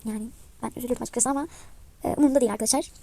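A young woman, sounding a bit sick, giving chatty, excitable commentary over her gameplay and often dropping to a mutter. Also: a little high, racing, creaky. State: slightly sick voice. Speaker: gaming vlogger.

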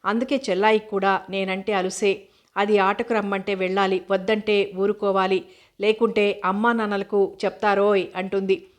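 Woman story reader, first-person narration; steady, monotone delivery. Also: medium pitch, moderate pace.

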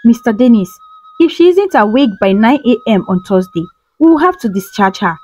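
A woman's voice: on the high side, sing-song, normal speed. A woman voicing a frustrated male hospital doctor who speaks in a formal, resigned way. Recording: slightly dull recording with soft music.

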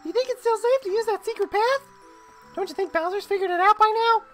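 Streamer voicing a tiny worried star creature, squeaky high voice, bright and sharp, wide swings. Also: fast, soft background music. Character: tiny star-shaped child sidekick, anxious. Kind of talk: playful read-along of game dialogue.

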